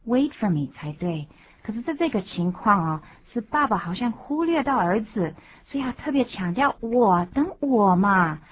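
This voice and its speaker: A woman co-hosting a bilingual radio English lesson, saying phrases slowly and explaining pronunciation. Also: mid-range voice, big pitch swings, slightly rough. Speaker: English teacher co-host. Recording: phone-like lo-fi sound.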